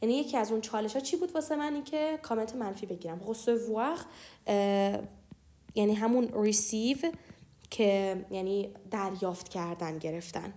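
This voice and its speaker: A young woman teaching French grammar. She explains patiently and slows down to spell out example phrases. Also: mid-range voice, warm tone. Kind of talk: explaining lesson.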